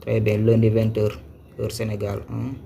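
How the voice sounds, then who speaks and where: Guy teaching live, gravelly voice, faint noise behind, keeps checking if u got it. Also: fairly low pitch, monotone, moderate pace, mellow. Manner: patient, repeats each step, asks if viewers follow. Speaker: Quran recitation teacher. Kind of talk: live-streamed lesson. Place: Senegal.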